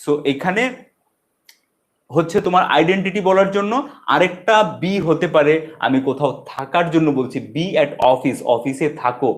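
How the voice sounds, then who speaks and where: Guy teaching spoken english, kinda high voice, slows way down on the english examples. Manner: explains in Bengali, says English examples slowly and deliberately. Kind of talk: bilingual language lesson.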